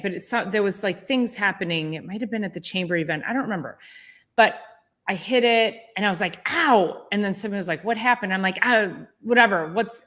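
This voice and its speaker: A woman's voice: medium pitch, a bit bright. A woman co-host chatting casually, rambling through a personal anecdote. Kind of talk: casual chat.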